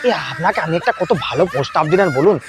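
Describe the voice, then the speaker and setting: Young man for a comic sketch, high-pitched and wheedling, outdoors with street noise. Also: expressive, rapid-fire. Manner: pleading and whiny, then grumbling. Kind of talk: sketch comedy, playing several parts.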